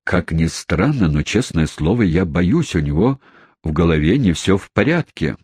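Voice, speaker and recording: A man voicing a kindly, courteous gentleman who is easily alarmed, in a storybook reading. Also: low voice, big pitch swings, moderate pace, breathy edge, dry recording, clean studio sound, full character voice. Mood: anxious. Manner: polite, fussy and easily alarmed.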